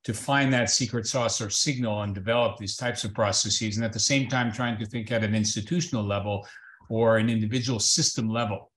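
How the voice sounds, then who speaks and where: A man's voice: lowish voice, steady tone, a little fast, a bit bright. Hesitant man moderating on a video call. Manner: hesitant, many fillers and restarts. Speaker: panel moderator. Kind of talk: moderating a panel.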